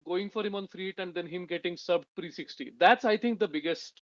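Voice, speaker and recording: A man with a fairly high voice, co-hosting a podcast and reasoning steadily through his points. His sound is very dry, with no room in it, and slightly muffled. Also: fairly quick, fairly bright tone, no room sound. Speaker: podcast co-host. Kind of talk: casual analytical chat.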